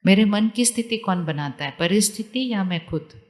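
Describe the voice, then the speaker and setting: A woman giving a spiritual talk to a live audience, calmly repeating questions to her listeners. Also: mid-range voice, normal speed, big-room sound. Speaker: spiritual teacher.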